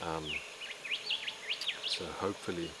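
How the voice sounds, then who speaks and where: Deep-voiced relaxed Australian man outdoors. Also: slow pace. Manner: relaxed, easygoing, with frequent fillers. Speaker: camping vlogger. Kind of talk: casual vlog narration. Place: outdoor bush campsite. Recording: outdoor recording with insect noise. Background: insects and crickets in the bush.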